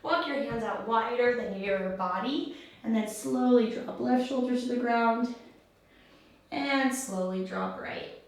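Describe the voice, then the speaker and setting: A woman teaching a yoga class, giving step-by-step pose instructions in a calm, soothing, encouraging way. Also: on the high side, slow pace. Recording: very echoey room, far mic, faint noise.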